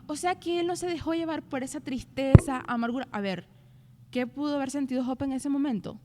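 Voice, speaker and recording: A young woman with a high voice co-hosts a Bible study podcast. She retells the scripture stories with animation and acts out the quoted complaints. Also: brisk, dark tone, in a large hall, slight background noise. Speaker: co-host.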